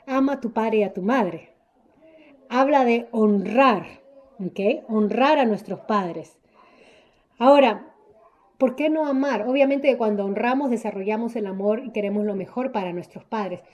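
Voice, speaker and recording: A woman with a fairly high voice teaching a Bible study. Her tone is warm and mellow. She speaks with emphasis, repeats her key points and stops to check that her listeners are following.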